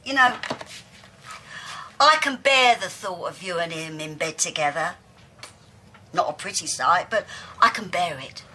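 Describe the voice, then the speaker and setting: An actress playing a proud, stubborn older woman, scornful and sharp in a television soap drama. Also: fairly low pitch, expressive, unhurried, pauses often, slight background noise. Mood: wounded. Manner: sharp and scornful, turning bitter and hushed. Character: proud older female pub landlady, fiery and stubborn.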